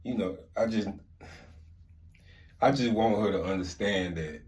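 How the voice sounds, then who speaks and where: A man's voice: fairly low pitch, measured pace, a little mellow. A middle-aged man, telling stories casually in rambling, repetitive, slangy talk. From Mississippi, United States. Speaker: vlog host and storyteller. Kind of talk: casual storytelling chat.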